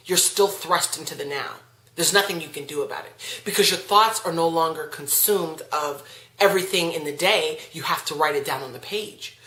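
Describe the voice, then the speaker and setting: A woman's voice: low-pitched, fairly bright tone, reverberant, low-quality recording. A woman leading a self-help class, speaking emphatically and often asking rhetorical questions. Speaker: class teacher. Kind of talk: spoken self-help lesson.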